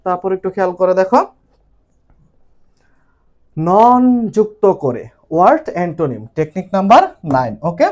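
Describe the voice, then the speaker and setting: A male English teacher lecturing a class, running through word pairs in quick lists and often checking in with his students. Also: sits high, very animated, a little mellow.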